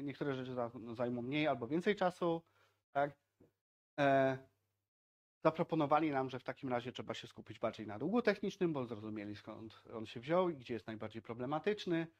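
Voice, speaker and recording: At a tech meetup, a software team speaker in his thirties gives a chatty, casual talk in a meetup room in front of projected slides. His voice is on the high side and the recording is muffled. He fills his speech with tag questions and frequent fillers like "tak?" and "e".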